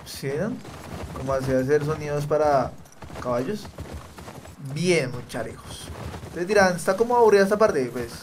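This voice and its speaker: A man's voice: a little high, animated, moderate pace, a little hiss or hum. A man with a Colombian Spanish accent doing casual, teasing let's-play commentary, chatting to viewers and game characters in slang. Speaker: gaming streamer. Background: game music and sound effects.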